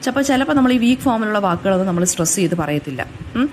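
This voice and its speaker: Kerala woman teaching phonetics, slow examples. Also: mid-range voice, expressive, darkish tone, slight background noise. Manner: reads English example phrases slowly and deliberately; frequent fillers and self-restarts. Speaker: teacher explaining English phonetics. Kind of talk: exam-notes lecture in Malayalam.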